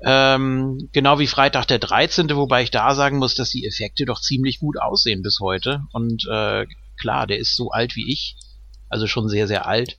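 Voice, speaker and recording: A gravelly, bright-toned man hosting a casual podcast chat, chatty and quick to laugh. His voice is dry and close, with a dull, slightly muffled sound. He teases his co-host now and then. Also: medium pitch, steady tone. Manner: chatty, laughs often, teasing.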